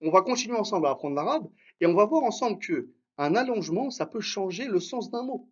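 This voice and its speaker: A man's voice: sits high, lively intonation, a little fast, highs cut off. A man teaching Arabic reading in a live online lesson, patiently sounding out syllables and praising his students by name.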